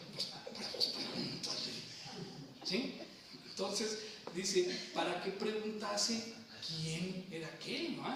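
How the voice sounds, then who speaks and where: A man's voice: fairly high pitch, pushed and bright, slight background noise. A man preaching a sermon, teaching scripture and asking his congregation questions as he goes. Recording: echoey room, from far off.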